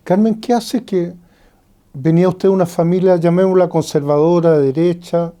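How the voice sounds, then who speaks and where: A man's voice: fairly high pitch, warm tone. A man interviewing a guest, asking direct, probing questions.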